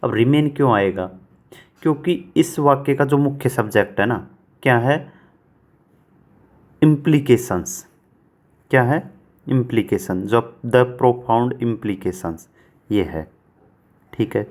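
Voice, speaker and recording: A man's voice: mid-range voice, a little mellow. Man teaching grammar, quizzing himself. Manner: asks and answers his own questions, repeats answers; reads English sentences slowly, word by word. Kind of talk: exam-prep lesson.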